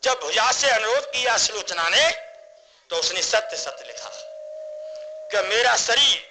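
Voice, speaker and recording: A man's voice: high voice, animated, measured pace, bright, forceful tone, a little hiss or hum, poor audio. A middle-aged man tells a devotional katha in a declamatory way, repeating phrases for emphasis. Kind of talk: devotional katha narration with sung laments.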